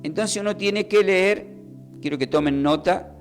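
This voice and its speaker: A man preaching a Bible lesson for radio, in a teacherly way, asking questions and then answering them and repeating key words slowly. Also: high voice, soft background music.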